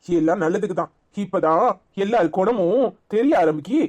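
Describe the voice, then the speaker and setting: A performer voicing a calm, reassuring husband and father in a cartoon serial, with a Tirunelveli Tamil accent. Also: mid-range voice, normal speed, close to an everyday voice.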